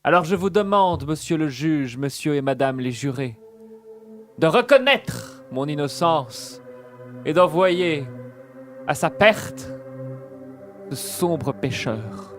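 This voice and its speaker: A man's voice: on the high side, animated, slow pace, pauses often, soft background music. A man playing an earnest, melodramatic bard in a tabletop game, declaiming like a stage actor. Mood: melodramatic, pleading. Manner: hammy, declamatory stage delivery.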